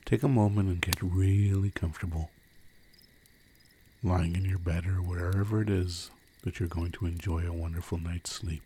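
Leading a sleep meditation, a man speaks in a low, dark, relaxed voice, hushed and soothing, with long pauses. Crickets and a crackling fire sound softly behind him, along with faint noise.

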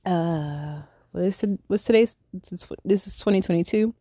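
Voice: mid-range voice, normal speed, mellow, no room sound, studio quality. Chatty, rambling thirty-year-old podcaster. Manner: rambling and chatty, often correcting themself. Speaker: podcast host. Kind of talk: casual solo podcast monologue.

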